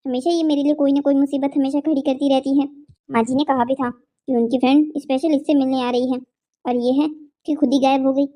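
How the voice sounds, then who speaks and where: A woman's voice: high voice, flat delivery, fairly quick, dark tone, close to an everyday voice. Woman voicing a strict, scolding elder sister. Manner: scolding, exasperated. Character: young elder sister-in-law, responsible and strict.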